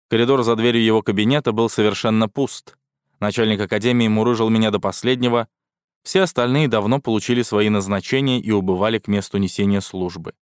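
A man's voice: lowish voice, clear, resonant tone, no room sound, studio quality. A man reading a first-person science fiction audiobook in a wry, sardonic tone. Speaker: audiobook narrator. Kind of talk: scripted first-person sci-fi narration.

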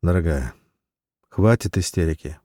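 A steady, unflustered husband speaks low and firm, as the male narrator voices him. His voice is deep and mellow. It sounds dry and close. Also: normal speed, no echo. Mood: calm firm. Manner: calm, firm, even. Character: calm, weary man in debt, middle-aged.

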